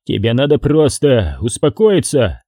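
A shaken submarine pilot speaks with forced, soothing calm, as a male reader voices him. The voice is low-toned, mellow and husky, with a lively pitch, recorded dry and close. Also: measured pace, dry recording.

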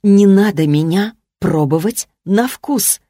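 A woman's voice: mid-range voice, animated, normal speed, a little mellow, dry recording, studio quality, pitched above the performer's own voice, natural voice. A woman voicing a flustered, hot-tempered young heroine who exclaims in protest. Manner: exclaiming, raised.

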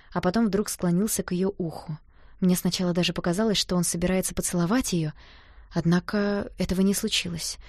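A woman narrating a first-person audiobook with lively, emotional storytelling. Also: lowish voice, dry recording, studio quality.

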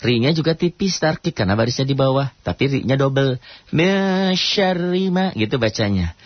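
A man teaching Quran recitation rules on a radio program, rattling off quick explanations and then chanting verses slowly and drawn out. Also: medium pitch, slightly rough, dry recording, lo-fi sound. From Indonesia. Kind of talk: radio tajwid lesson.

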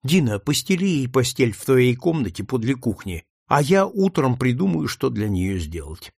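A man voicing a gentle, soothing housewife. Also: mid-range voice, very animated, moderate pace, vocal fry, slightly rough, no room sound, clean studio sound, heavily acted. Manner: soothing, tender. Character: kind gentle woman, a senator's wife.

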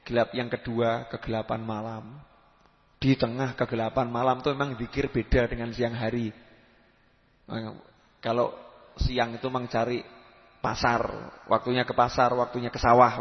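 A man giving a religious lecture, lively and emphatic, dropping to soft asides. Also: mid-range voice. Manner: lively preaching, rising to emphatic calls, drops to soft asides. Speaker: preacher. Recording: lo-fi reverberant hall recording.

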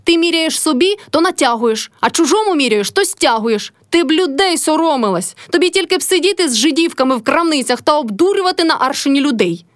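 A woman's voice: sits high, lively intonation, a little fast, hardly any pauses, no room sound, clean studio sound, voice pushed up. Cantankerous old mother-in-law, as a woman reader puts her on. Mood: scolding. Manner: scolding.

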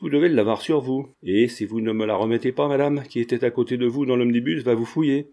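A man's voice: mid-range voice, quick pace, mellow, natural voice. A man reading the part of a shrewd police agent who speaks dryly and matter-of-factly. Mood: stern. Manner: dry, matter-of-fact.

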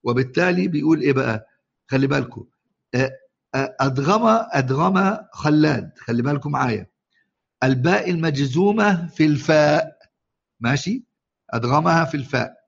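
A man with an Egyptian accent teaching a religious lesson on Quran recitation. He explains slowly, repeats and stretches out the quoted words, and keeps checking that his listeners follow. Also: fairly high pitch, gravelly, husky. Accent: Egyptian Arabic. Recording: dull lo-fi recording.

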